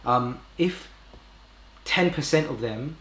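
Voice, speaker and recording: Hosting a casual live stream, a young British man speaks slowly and expressively in a mid-range, slightly bright voice. He rambles informally, often correcting himself, with a roomy indoor echo around him.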